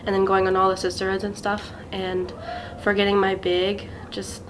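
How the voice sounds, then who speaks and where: A woman's voice: medium pitch, completely flat delivery, moderate pace. A young woman speaking casually as a new sorority member, giving a short testimonial. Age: young adult. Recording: clear background noise.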